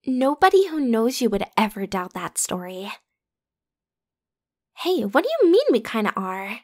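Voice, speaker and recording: In an intimate ASMR roleplay, a woman acts as a popular teenage schoolgirl, teasing the one person she's talking to with breezy, pushy, youthful phrases. Her fairly high voice is sing-song, unhurried and a little mellow, in a one-sided conversational performance.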